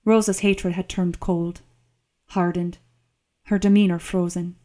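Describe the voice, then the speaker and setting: A woman reading a historical novel aloud as an audiobook narrator, in a measured, calm storytelling manner. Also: on the low side. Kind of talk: scripted narration.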